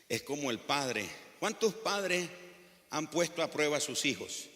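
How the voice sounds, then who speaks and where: Middle-aged male pastor, fervent sermon, slightly high, very bright tone, echoing church hall. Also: sing-song, slow. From Nicaragua. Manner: impassioned preaching with stories. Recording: long reverb of a church hall.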